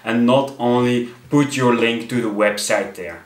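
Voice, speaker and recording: A young adult man from Belgium, speaking with a Belgian accent, hosts his channel's talking-head tutorial from a desk in a small home office, explaining with many fillers and restarts. His mid-range voice is measured and reverberant, picked up by a fixed camera at desk distance.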